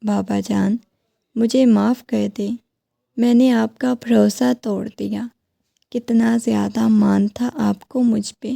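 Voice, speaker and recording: A woman voicing a heartbroken, tearful young wife who pleads softly, in a creaky voice. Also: on the high side, fairly even intonation, dry recording, studio quality.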